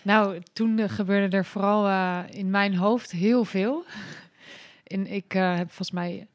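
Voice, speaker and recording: A woman guest telling a personal story in a casual interview. She talks candidly and hesitantly, with frequent pauses, filler sounds and restarts, and laughs easily. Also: medium pitch, steady tone. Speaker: podcast guest.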